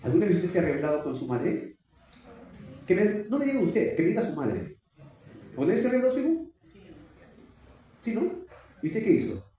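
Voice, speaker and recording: A man's voice: high voice, wildly swooping pitch, normal speed, long pauses, warm tone. A man preaching a sermon, often questioning and exhorting the congregation. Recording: very echoey hall, distant mic.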